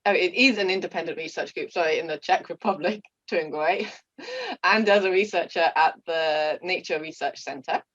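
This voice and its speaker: A woman's voice: fairly low pitch, moderate pace, fairly bright tone, no echo. A woman in her thirties hosting a casual interview, friendly and giggly, with frequent fillers. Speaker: podcast host. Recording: dull, dry lo-fi audio.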